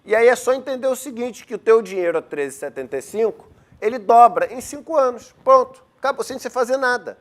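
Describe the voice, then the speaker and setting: A man hosting a news show, commenting in a forceful, rhetorical way. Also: very high-pitched, expressive, fairly quick.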